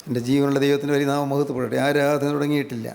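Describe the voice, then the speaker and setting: An older man preaching a gospel sermon, repeating his phrases in a steady, emphatic cadence. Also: mid-range voice, rapid-fire, vocal fry. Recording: long hall reverb.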